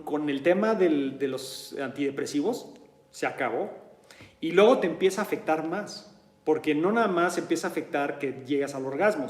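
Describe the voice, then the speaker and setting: A man's voice: a little high, reverberant. A man with a Mexican accent talking candidly in a casual monologue, often checking in with his listener. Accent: Mexican Spanish. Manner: candid, conversational, frequent "¿sí?" check-ins. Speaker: martial arts instructor sharing personal experience.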